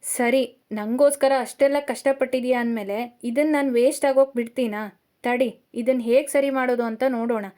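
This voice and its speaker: A playful young man who teases and soothes, as a woman narrator reads him. He coaxes in a gentle, quick manner in a storybook reading. The voice stays fairly high. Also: steady tone, close to an everyday voice. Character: teasing, affectionate young male lecturer.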